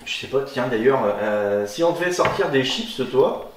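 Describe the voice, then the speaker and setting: A man's voice: mid-range voice, expressive, moderate pace. A man from France, chatting casually as he hosts a tasting. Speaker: host of a snack blind tasting. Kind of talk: casual chat. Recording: roomy echo, distant mic, faint noise.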